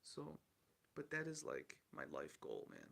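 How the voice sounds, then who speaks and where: A man's voice: a bass voice, huge pitch swings, a little slow, gravelly, a bit bright. A man in his thirties hosting a solo podcast, rambling candidly through the news and swearing casually. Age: 30s. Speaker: podcast host.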